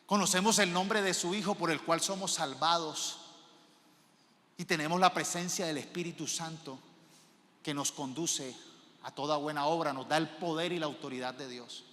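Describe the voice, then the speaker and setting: A male pastor preaching a sermon in a church, asking the congregation questions and swinging between soft and loud. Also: on the high side, moderate pace. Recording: reverb of a large church hall.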